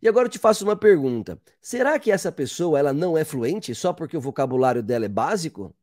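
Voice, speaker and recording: A man with a slightly raised speaking pitch teaches English grammar, walking the viewer through each step. He keeps pointing at his examples and answers his own rhetorical questions. The sound is close and dry, with no room echo. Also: very animated, quick pace, a little mellow. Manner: explains step by step, often pointing with "ó". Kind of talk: whiteboard grammar lesson.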